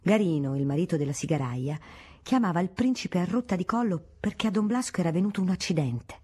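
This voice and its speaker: Audiobook narrator, woman, low mellow voice, steady measured reading. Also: breathy edge. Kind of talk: audiobook narration of a classic novel.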